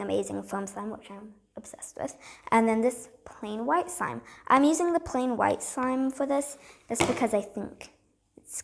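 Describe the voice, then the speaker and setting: A woman's voice: fairly high pitch, creaky, a little hiss or hum. A bubbly, chatty woman hosting a casual slime vlog at a table at home, with frequent ums. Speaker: slime video host. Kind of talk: casual show-and-tell vlog.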